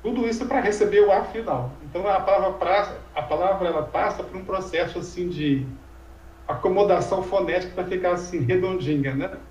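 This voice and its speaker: A man with a high voice explains things in a relaxed lecture, checking in with tag questions and rhetorical asides. He sits well away from the mic. The room around him rings with echo. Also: fairly quick, dull audio, a little hiss or hum. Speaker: Sanskrit teacher. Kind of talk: informal lecture conversation. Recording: echoey room, voice from far off mic.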